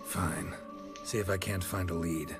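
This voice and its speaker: Gruff monster hunter, super deep voice, few words, unhurried. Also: male voice, over loud music. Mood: terse. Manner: clipped, laconic and flat. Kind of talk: video game voice acting.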